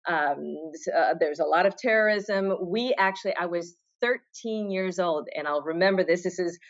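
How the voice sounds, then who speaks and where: A woman's voice: on the low side, moderate pace, muffled recording. A middle-aged woman from Argentina, a fitness competitor guesting on a podcast, chatting casually and telling stories with restarts and trailing asides. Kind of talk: casual interview chat.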